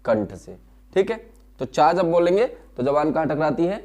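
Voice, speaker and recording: A man's voice: fairly high pitch, big pitch swings, darkish tone. Man teaching, sounding out syllables. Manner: explains slowly, repeats key terms and answers his own questions. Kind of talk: classroom lesson.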